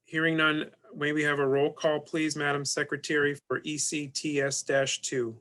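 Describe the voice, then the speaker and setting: A man's voice: on the high side, level tone, normal speed, pushed and bright. A man speaking as board president, running a meeting with formal procedural phrasing.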